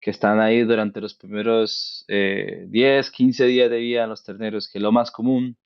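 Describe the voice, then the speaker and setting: A man in his thirties from Costa Rica, a veterinarian guest, explaining his work in a relaxed, thoughtful, conversational way. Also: on the low side, moderate pace, gravelly, clean tone, no room sound, lo-fi sound. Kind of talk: casual conversational interview.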